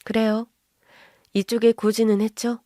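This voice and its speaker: A woman voicing a composed younger woman who answers calmly and curtly. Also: a little high, unhurried, no echo, studio quality, lightly acted. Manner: calm, curt, mocking. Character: cool, composed younger woman, quietly defiant.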